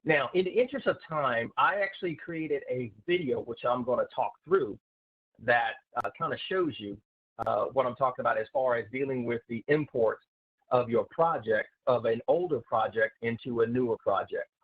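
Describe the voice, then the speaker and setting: A man giving a software webinar as a systems consultant, halting with many filler sounds, his voice heard through a recorded online meeting. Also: medium pitch, breathy edge, no echo. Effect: voice heard through a recorded online meeting's screen-share session. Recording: tinny, dry online-call audio.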